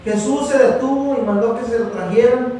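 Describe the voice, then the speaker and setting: High-voiced man preaching in an echoey church. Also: brisk, dark tone, slight background noise. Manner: preaching with rising emphasis, repeating "mi hermano". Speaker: pastor. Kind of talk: sermon. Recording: echoey church room from far off, faint ambience.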